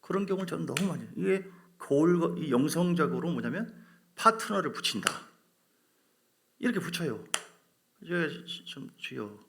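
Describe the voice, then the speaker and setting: Gravelly-voiced pastor preaching. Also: male voice, a little high, expressive, moderate pace, long pauses. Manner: dramatic, swings from loud to whispered; acts out voices of biblical figures. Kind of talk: sermon.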